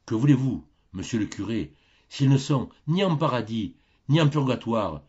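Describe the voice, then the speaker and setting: Un homme qui joue un grand ange aux ailes sombres, à la voix rauque et dolente, tenant un grand livre dans un conte lu. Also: male voice, mid-range voice, sing-song, normal speed, dull audio, pitched above the performer's own voice, exaggerated voice. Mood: impatient. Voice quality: hoarse and doleful. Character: grand dark-winged angel keeping hell's book.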